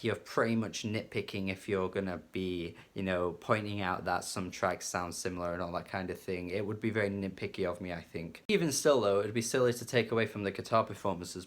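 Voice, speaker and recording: A man's voice: fairly low pitch, fairly bright tone. A man casually reviewing a rock album, enthusiastic and chatty, with fillers and some swearing. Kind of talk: casual music review monologue.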